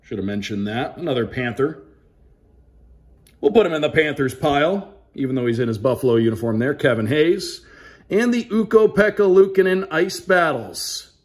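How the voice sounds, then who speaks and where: A radio sports play-by-play broadcaster, a man with a slightly high voice, talks at a moderate pace. He gives casual, upbeat commentary on an unboxing, calling out names to viewers the way he would on air.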